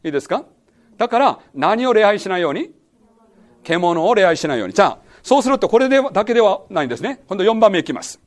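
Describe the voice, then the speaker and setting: A man's voice: high voice, sing-song, fast talker. A man teaching a Bible lesson as pastor, quizzing his listeners and repeating key words. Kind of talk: sermon-style Bible lesson.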